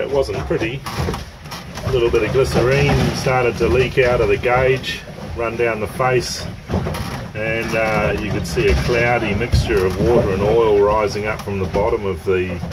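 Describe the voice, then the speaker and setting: A middle-aged man hosting a sailing vlog, talking in a relaxed, matter-of-fact way with sailing terms, filmed in a boat's open cockpit at sea. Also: fairly low pitch. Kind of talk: casual vlog narration. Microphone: handheld camera mic, wind on it. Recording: windy outdoor camera audio. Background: wind and water noise.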